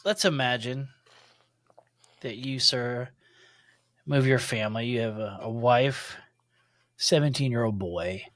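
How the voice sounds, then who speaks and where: A man's voice: mid-range voice, slow, long pauses, a bit bright, no room sound, clean studio sound. A man chatting and telling a story casually as a podcast co-host.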